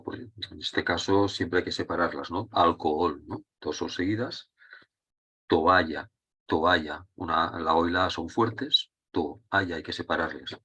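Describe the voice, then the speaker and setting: A man with a very deep, husky, slightly bright voice gives a Spanish grammar lesson. He goes through the rules patiently, one step at a time, pausing to make sure his students are following, and his delivery is conversational and unscripted.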